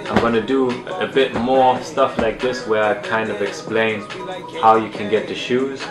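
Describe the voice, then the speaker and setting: A German sneaker vlogger with a medium-pitched voice talks casually to camera from a desk in a plain indoor room. He's laid-back and chatty and uses slang. The recording has a roomy echo with music behind it.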